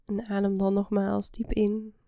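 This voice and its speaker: Woman, meditation guide, soft soothing half-whisper, unhurried, even low-key intonation, dark warm tone. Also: gravelly, no room sound, studio quality.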